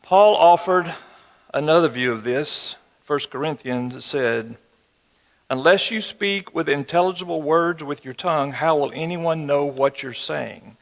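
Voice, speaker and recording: A man in his sixties from West Texas, with a twang and a slightly high voice, teaches a Bible lesson at a measured pace. He's folksy and conversational, asking rhetorical check-in questions of a live audience in a large room or auditorium, his amplified speech echoing through the hall.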